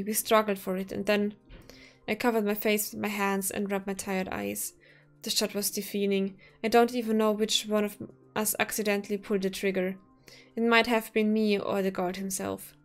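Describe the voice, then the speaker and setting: Woman narrator, visual novel reading, steady, flat pitch, faint music behind. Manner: steady reading with small restarts. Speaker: let's play narrator.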